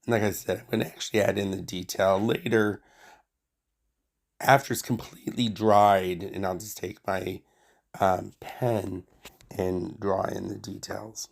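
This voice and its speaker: Congested man with a low, gravelly voice. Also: flat delivery, unhurried. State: sick with a cold or sinus infection, stuffy nose. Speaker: art tutorial host. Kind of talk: casual unscripted craft narration.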